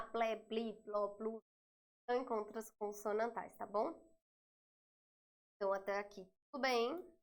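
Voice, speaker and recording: Brazilian woman teaching grammar, higher voice. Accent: Brazilian Portuguese. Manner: patient, checks in often with "né?" and "tá?". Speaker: Portuguese teacher. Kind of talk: exam review lesson.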